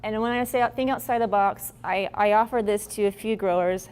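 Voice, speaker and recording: A woman's voice: medium pitch, fairly even intonation, fairly quick, darkish tone, clean tone. Blunt, folksy woman at a workshop. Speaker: agricultural presenter. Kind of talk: workshop presentation.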